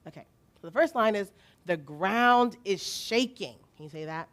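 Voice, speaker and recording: A woman's voice: mid-range voice, lively intonation, a bit bright. A woman leading a congregation in learning a song, playful and encouraging, her voice a bit worn from being recently lost. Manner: playful, encouraging, slow and deliberate. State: recovering from a lost voice. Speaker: song leader at church service.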